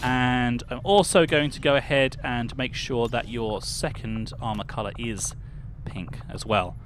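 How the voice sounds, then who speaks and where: A man's voice: medium pitch, fairly even intonation, measured pace, slight background noise. A young British man streaming a video game, chatting with viewers, greeting them by name and thinking aloud as he plays. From United Kingdom. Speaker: livestreamer. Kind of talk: casual game livestream chat.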